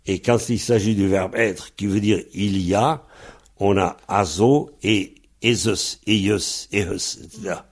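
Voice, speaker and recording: A man teaching a grammar lesson, pausing on fillers and spelling words out letter by letter. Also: on the low side. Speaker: Breton language teacher. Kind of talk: slow explanatory grammar lesson.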